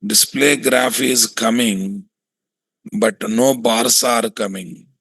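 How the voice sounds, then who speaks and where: Indian man teaching, bright Telugu-accented voice. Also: medium pitch, fairly even intonation, slow pace, gravelly, breathy edge, no room sound, poor audio. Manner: repetitive, often addressing students with questions. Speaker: software testing instructor. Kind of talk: hands-on screen-share tutorial, thinking aloud.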